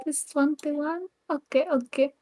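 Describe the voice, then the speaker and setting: A woman chats through a tabletop game in a sleepy, drawling voice. She jokes as she goes, and her voice sits a little high. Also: steady tone, measured pace, a little mellow. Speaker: player. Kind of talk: casual tabletop game play.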